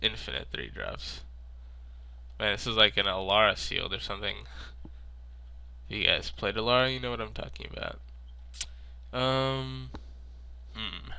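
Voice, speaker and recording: A man's voice: lowish voice, measured pace, gravelly, long pauses, bright, forceful tone, smooth. A man with a sick, stuffy, nasal voice, thinking aloud in casual card-game commentary. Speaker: video maker.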